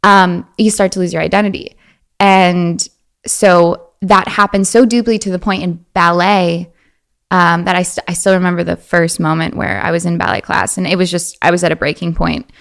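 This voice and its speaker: A woman in her twenties, a guest talking casually in an interview, animated and often slipping into a high girlish voice. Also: normal speed, gravelly. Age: 20s.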